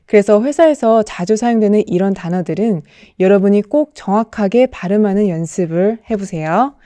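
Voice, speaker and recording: A woman's voice: medium pitch, moderate pace, dark tone, dry recording. A young adult woman giving a scripted pronunciation lesson, carefully repeating model words and explaining between them. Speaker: English pronunciation teacher.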